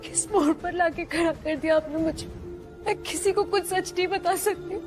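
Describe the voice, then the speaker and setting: An anxious young Indian woman with a very high voice, played by a woman in a TV melodrama. She is earnest and halting, repeating words as if burdened, over clear background music. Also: natural voice. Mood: tearful anguish. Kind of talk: melodramatic TV soap acting.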